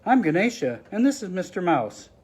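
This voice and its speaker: A man's voice: high-pitched, big pitch swings, normal speed, a little mellow, husky, voice pushed up, exaggerated voice. A man voicing a young elephant-headed boy god in a storybook reading, childlike and a little boastful. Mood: earnest.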